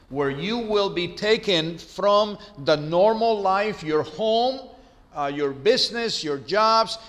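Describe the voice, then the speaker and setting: A man's voice: high voice, a bit bright. Middle-aged male priest, earnest sermon, recorded from afar in a reverberant church. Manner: earnest, preaching with hand gestures. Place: church sanctuary. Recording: echoey church hall from far off.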